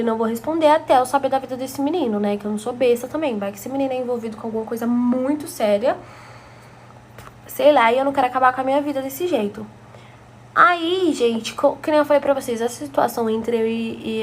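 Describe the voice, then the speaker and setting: A woman's voice: a little high, a little hiss or hum. A young woman from Brazil telling a personal story to her viewers in a chatty, gossipy way. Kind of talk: casual storytime narration.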